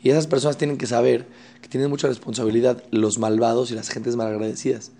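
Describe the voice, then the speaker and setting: A male teacher leads a religious class. He talks in an animated way, jumping into the voices of the people in his examples. His pitch sits in the middle range. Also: fast talker, gravelly. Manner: animated, acts out quoted people. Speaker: Torah teacher. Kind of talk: religious lesson.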